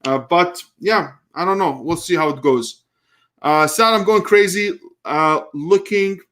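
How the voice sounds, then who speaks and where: A Kuwaiti-born man in his thirties hosts a casual live Q&A stream, reading viewer comments aloud. His voice is fairly high, unhurried, and a little bright, and he talks loosely, often restarting sentences as he thinks out loud.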